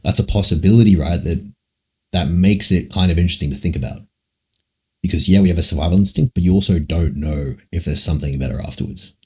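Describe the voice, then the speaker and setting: A man's voice: deep voice, fast, darkish tone, husky. A young man livestreaming, answering chat questions in a rambling, profane, casual way, full of "like" and "man".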